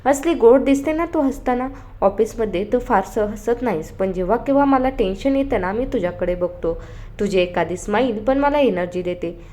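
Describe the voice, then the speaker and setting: A woman's voice: a little high, animated, normal speed, dark tone, natural voice. A woman reading as a teasing young man.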